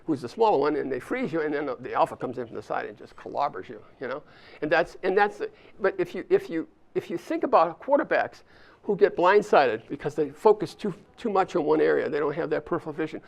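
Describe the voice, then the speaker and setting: A man's voice: fairly high pitch, creaky. An older man giving a chatty leadership talk to a live audience, walking them through a hands-on exercise. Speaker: speaker at an alumni volunteer summit. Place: university event space with a live audience.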